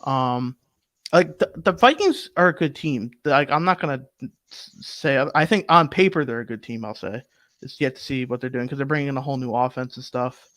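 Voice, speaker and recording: A young man co-hosting a sports betting show, arguing football picks in casual, animated talk full of fillers. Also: mid-range voice, normal speed, no echo. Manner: animated, argumentative, rambling with fillers.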